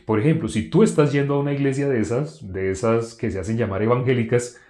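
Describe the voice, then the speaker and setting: A man preaching a sermon in an animated way, repeating phrases for emphasis and laughing between points. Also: mid-range voice, fast, reverberant.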